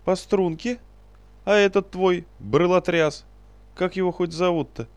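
A man putting on a shrill, outraged little sorcerer. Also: clear, resonant tone, no echo. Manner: shrieking, indignant, rapid outbursts. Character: shrill fussy male sorcerer-official, easily outraged.

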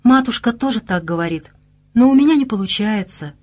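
A fiery young bride from an audiobook, quick-tempered and capricious, as a woman reader voices her. Her lines jump up brightly and hotly. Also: fairly high pitch, expressive.

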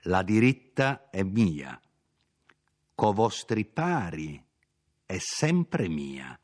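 Defiant proud gentleman, measured slow speech, hot temper, a man voicing him, audiobook. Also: low voice, very animated, heavily acted.

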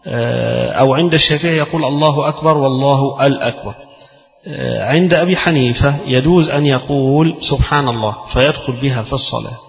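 A man with an Egyptian accent giving a religious lesson, explaining texts in plain speech and reciting quoted rulings slowly. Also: mid-range voice, gravelly. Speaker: Islamic scholar teaching fiqh. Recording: roomy, long reverb, dull lo-fi sound.

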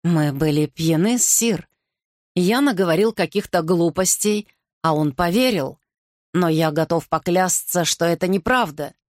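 A woman's voice: fairly low pitch, unhurried, no echo, clean studio sound, lightly acted. A woman reader voicing a young, frightened male poet who answers timidly and apologetically.

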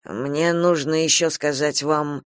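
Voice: mid-range voice, fairly even intonation, slow, clear, resonant tone, dry recording, studio quality, pitched below the performer's own voice, natural voice. A reader voicing Boldwood, a grave and tormented farmer, speaking tensely in an audiobook. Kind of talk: audiobook character reading.

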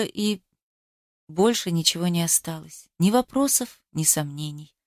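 A woman giving a steady, expressive first-person narration of an audiobook. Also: mid-range voice, dry recording, clean studio sound.

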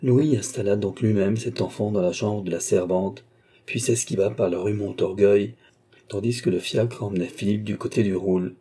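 A man narrating a classic novel as an audiobook in a steady literary reading. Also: lowish voice, normal speed, husky. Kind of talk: scripted narration.

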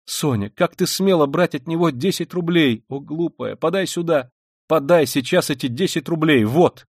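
A man voicing a hysterical, furious widow who screams insults in a high, frantic voice. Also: lively intonation, normal speed, dry recording, studio quality. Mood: frantic rage.

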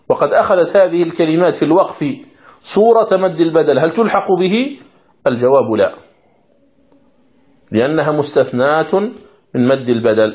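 A man teaching Quranic recitation from a textbook, explaining rules patiently step by step and repeating examples. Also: a little high. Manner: asks the listeners questions, then answers them. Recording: dull lo-fi recording.

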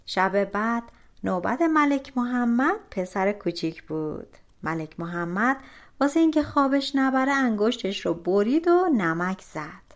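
A woman narrating a folk tale audiobook with expressive, animated storytelling. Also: a little high, lo-fi sound.

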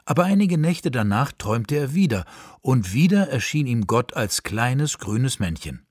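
A man narrating a story for radio in a measured, expressive way, recorded in a studio. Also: mid-range voice, slightly rough, dry recording.

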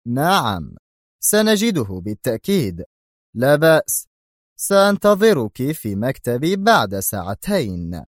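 A man voicing an angry mafia boss in an audiobook, talking slowly and heavily and shouting his orders. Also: mid-range voice, wildly swooping pitch, no echo, clean studio sound, voice pushed up. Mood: stern. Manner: shouting, slow and heavy. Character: furious Italian mafia boss, older man. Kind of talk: audiobook character voice.

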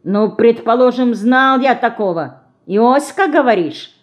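A woman voicing a rough, mocking teenage street boy who taunts and threatens, read in an audiobook. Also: on the high side, animated, a little slow, voice pushed up. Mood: sly, taunting. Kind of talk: audiobook character reading.

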